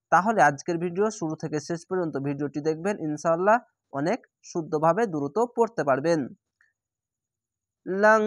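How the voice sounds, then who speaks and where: A man's voice: a little high, no room sound, studio quality. A man teaching Quran reading, spelling out syllables one by one and stretching recited words very long. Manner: slow, drawn-out spelling of syllables.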